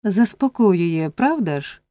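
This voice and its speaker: A woman's voice: fairly low pitch, big pitch swings, takes it slowly, dark tone, no echo. A woman voicing a melodramatic middle-aged workhouse matron who talks breathlessly and moans. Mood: coy. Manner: breathless, moaning.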